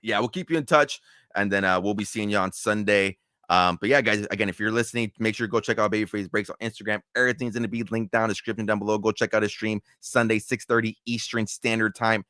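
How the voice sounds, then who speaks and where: A male host rattles along at a quick clip in a lowish voice, upbeat and rambling. The sound is close and dry, with no room around him. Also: fairly even intonation, sharp tone, dry recording. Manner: fast, rambling, upbeat with fillers like "there". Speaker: podcast host. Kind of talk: casual chat.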